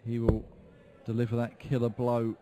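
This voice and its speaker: Even-toned male darts commentator. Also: mid-range voice, normal speed, crowd noise. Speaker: sports commentator.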